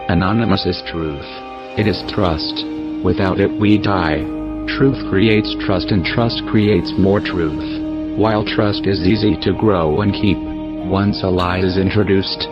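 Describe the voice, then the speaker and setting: Brief: a man in a disguised deep voice, grave scripted statement, muffled lo-fi audio. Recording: dull lo-fi sound with music behind.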